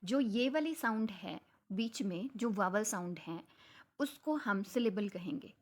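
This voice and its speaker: A woman's voice: medium pitch, animated, unhurried. A young woman, a Hindi speaker, explaining a lesson in a conversational way and mixing terms into her Hindi. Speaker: English teacher. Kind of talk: explanatory lecture.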